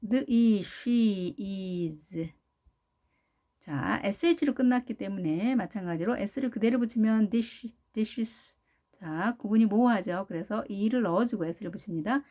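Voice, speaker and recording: A woman teaching an English phonics lesson, patiently repeating each model word slowly. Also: mid-range voice, warm tone.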